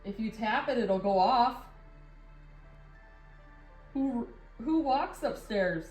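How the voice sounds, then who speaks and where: A woman asks questions of spirits during a ghost hunt, unscripted and slow-paced. Her voice is a little high and comes from a distance in an echoing room. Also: expressive, darkish tone, soft background music. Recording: echoey room, distant from the mic.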